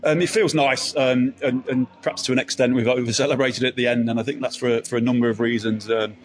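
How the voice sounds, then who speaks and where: Fast, flat-toned football manager. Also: male voice, medium pitch. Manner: measured, many hesitant ums and restarts. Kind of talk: post-match interview.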